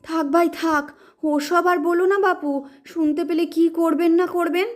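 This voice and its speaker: A gentle, nervous young sister-in-law who speaks in a hushed, worried way, as a woman narrator puts her on. The voice is high and the words come out slowly. It is part of a storybook reading. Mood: anxious hushed. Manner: soft, hushed, anxious.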